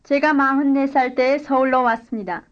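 A woman reading a scripted language-lesson dialogue and drill answers in clear, careful model sentences. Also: sits high, fairly even intonation, normal speed, muffled recording. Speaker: language course speaker.

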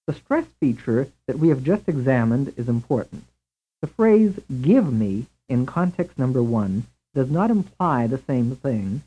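Male narrator for a language course, husky voice, measured delivery, lo-fi recording. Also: medium pitch. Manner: measured, deliberate teaching delivery. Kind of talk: scripted instructional narration. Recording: dull lo-fi old course tape.

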